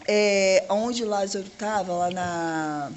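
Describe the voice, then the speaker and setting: A missionary woman speaks slowly and earnestly, as if preaching. A faint hum of noise sits behind her voice. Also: medium pitch. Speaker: missionary, podcast guest. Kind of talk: preaching testimony.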